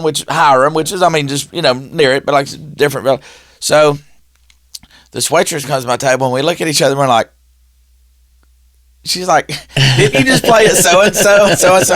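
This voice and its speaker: In his fifties, a man tells stories in casual conversation, animatedly acting out the quoted dialogue as he goes. His voice is a little high, captured in a dry, studio-quality recording.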